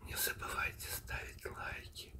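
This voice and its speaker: A reader softly telling a story in a soothing, breathy, unvoiced ASMR whisper, slow and gentle. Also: recorded from a distance. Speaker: audiobook reader and channel host.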